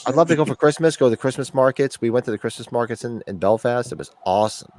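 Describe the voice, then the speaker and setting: A man in his forties, sniffly from allergies, chats casually, rambling, swearing and joking. His mid-range voice is animated, fast and a little mellow.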